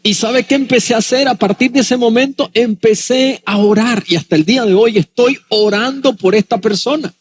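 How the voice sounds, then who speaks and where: A man, a pastor, preaching a sermon with dramatic pauses and acted-out quotes. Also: extremely high pitch, husky.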